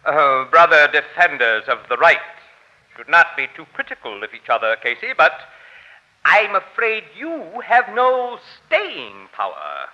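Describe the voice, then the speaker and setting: An actor playing a genteel, pompous amateur crime-fighter in a 1940s radio drama, speaking in formal diction. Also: male voice, a little high, wildly swooping pitch, measured pace, sharp tone, full character voice. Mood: teasing. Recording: dull lo-fi old radio broadcast.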